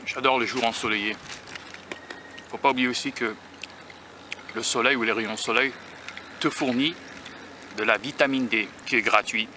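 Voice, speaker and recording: Eating outdoors by a beach near rail tracks, an American food-tasting vlogger talks casually into a handheld camera or phone. His mid-range voice is fairly even, at normal speed with frequent pauses, and he muses self-consciously, restarting sentences often. Traffic and vehicle noise fill the background.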